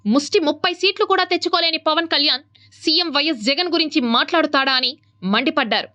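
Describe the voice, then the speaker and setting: A woman reads the news at a quick clip. Her voice sits very high and sounds bright and crisp, with a brisk, even newsreader delivery. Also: highs cut off. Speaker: news anchor. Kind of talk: scripted news reading.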